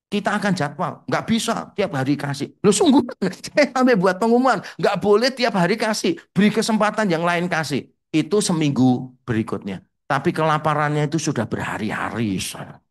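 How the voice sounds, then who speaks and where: Animated preacher man. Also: a little fast. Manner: animated storytelling, acts out quotes with pitch jumps; mixes English phrases into his preaching. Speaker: pastor. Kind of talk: sermon.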